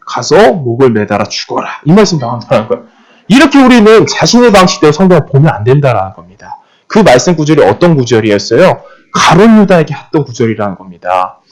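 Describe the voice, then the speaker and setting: Animated Korean-speaking male preacher. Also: a little high. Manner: rhetorical questions, repeats phrases for emphasis. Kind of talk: sermon.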